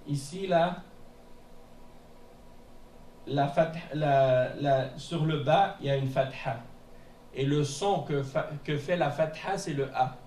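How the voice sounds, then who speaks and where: Slow, patient male teacher in an echoey room. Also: a little high, darkish tone. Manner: patient, repeats words slowly with checks like "hein?". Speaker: Arabic teacher. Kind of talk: classroom lesson. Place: mosque classroom. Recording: echoey room from a distance, faint noise.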